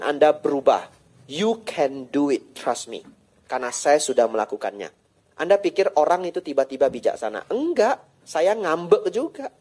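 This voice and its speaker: A man, a Buddhist monk, giving a lively, teasing sermon with rhetorical questions and English phrases mixed in. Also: fairly high pitch. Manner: drops English phrases into his talk. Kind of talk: sermon to a live audience.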